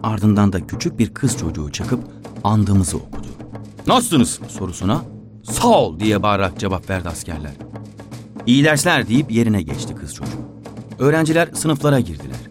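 Expressive male storyteller, faint music. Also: fairly low pitch, brisk. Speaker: narrator. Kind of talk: scripted story narration. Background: faint instrumental music.

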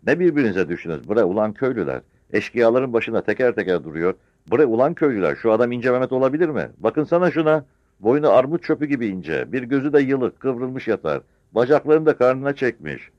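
A big, bossy older village woman mocks and scolds in a loud, raised voice, as a male storyteller puts her on. Her tone jumps around a lot, and the recording is dull and lo-fi in a dry space. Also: mid-range voice, big pitch swings, a little fast, dry recording, pitched above the performer's own voice, lightly acted. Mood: scornful. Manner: scornful, shouting at the villagers.

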